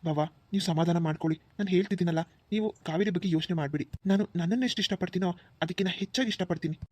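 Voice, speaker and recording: Cartoon role: a man doing an earnest, respectful young groom, fairly high voice. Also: racing, darkish tone.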